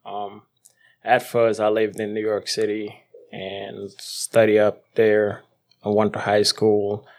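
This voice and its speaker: A man in his twenties from Senegal, a police officer guest, introducing himself calmly on a podcast. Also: on the low side, slow pace. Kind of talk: casual interview.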